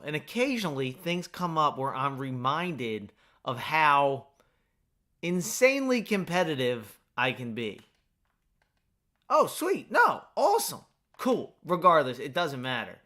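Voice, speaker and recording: A man's voice: mid-range voice, sharp tone. A man streaming a game, talking in a rambling, casual way and interrupting himself while eating lunch, without his usual mic. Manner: rambling, self-interrupting, chatty. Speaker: gaming streamer. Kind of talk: casual live-stream chat while playing. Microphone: not using his usual mic.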